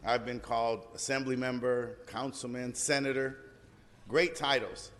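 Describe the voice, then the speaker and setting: A man's voice: medium pitch, steady tone, a little slow, fairly bright tone. A mature man giving an informal ceremonial speech as a council member, folksy and building on repeated phrases. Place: large council chamber. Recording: echoing hall with background noise.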